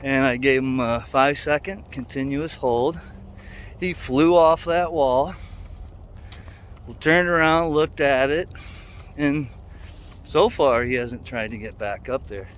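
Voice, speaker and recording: A man's voice: mid-range voice, takes it slowly, pauses often. Man chatting outdoors on a walk. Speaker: dog trainer vlogger. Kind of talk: casual talk to camera while walking. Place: outdoors, walking in a neighborhood. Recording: outdoor ambient street noise.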